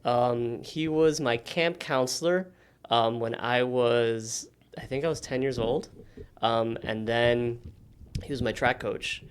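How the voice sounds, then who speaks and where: Smooth-voiced man from Miami, native Spanish speaker. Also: mid-range voice. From Miami, United States. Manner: relaxed storytelling with frequent "um" pauses. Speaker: podcast guest. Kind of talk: casual interview conversation.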